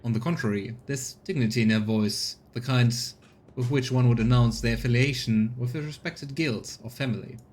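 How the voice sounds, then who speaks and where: A man's voice: medium pitch, normal speed, a little mellow. A man doing a let's play, switching between casual commentary and reading the game's narration aloud. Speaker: let's player and streamer.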